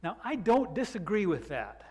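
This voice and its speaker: A man's voice: high voice, big pitch swings, darkish tone, husky. An older man, a pastor, preaching a reflective sermon from the pulpit of a church sanctuary, drawing out words for emphasis. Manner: reflective, unhurried, with drawn-out emphasis. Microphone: pulpit microphone. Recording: long church reverb.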